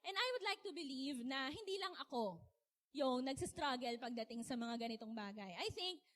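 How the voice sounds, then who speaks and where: A young woman from the Philippines giving a chatty, animated sermon, laughing often and asking her audience questions. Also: high voice, normal speed. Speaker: speaker. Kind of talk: casual sermon talk.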